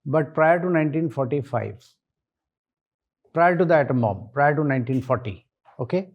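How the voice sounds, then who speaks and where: A man with an Indian accent questioning as an interview panellist in a deliberate, wry, correcting way. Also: on the high side, animated, narrow, tinny audio.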